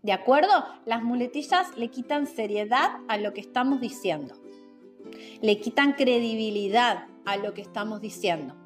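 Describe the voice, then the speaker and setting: Measured teacherly woman, faint music behind. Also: on the high side, expressive. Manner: clear, measured, teacherly, rhetorical questions. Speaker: podcast host teaching communication skills. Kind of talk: instructional podcast talk.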